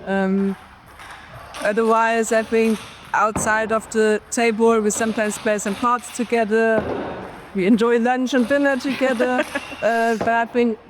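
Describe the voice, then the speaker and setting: A woman's voice: on the high side, a little slow, noisy background. Thoughtful woman athlete in her thirties. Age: 30s. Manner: relaxed, thoughtful, with fillers.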